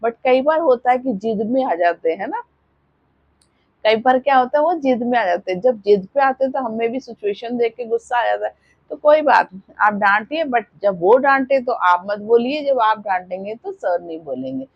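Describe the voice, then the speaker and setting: A woman teacher with an Indian English accent talks to parents in a higher voice, earnest and coaxing, often checking that they follow. The sound is dry and a little dull, close to the mic. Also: expressive, normal speed, no room sound. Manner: sing-song greetings, then earnest advice with tag questions. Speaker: preschool teacher. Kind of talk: warm advice to parents and kids.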